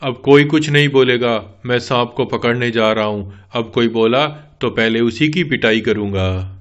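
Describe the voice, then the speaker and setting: A man's voice: mid-range voice, a little slow, highs cut off, voice pushed down, close to an everyday voice. A man voicing a village father who blusters and scolds but is easily scared. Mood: nervous bluster.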